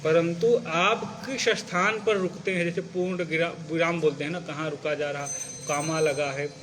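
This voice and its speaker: Against a noisy background, a man on the high side speaks at normal speed with fairly even intonation. He lectures a class on reciting sacred stories, patiently checking comprehension through repeated questions and modeling the phrasing with sample lines.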